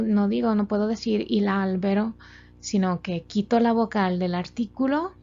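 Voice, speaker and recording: A woman's voice: mid-range voice, vocal fry, dark tone. A woman teaching a grammar lesson from slides, explaining step by step with many examples. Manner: slow, methodical explaining with examples. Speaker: language teacher. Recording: dull lo-fi sound, faint music.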